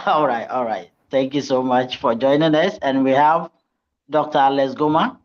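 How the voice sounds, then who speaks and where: A man moderating a conference panel, slow and hesitant with many ums. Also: medium pitch. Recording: dull lo-fi audio.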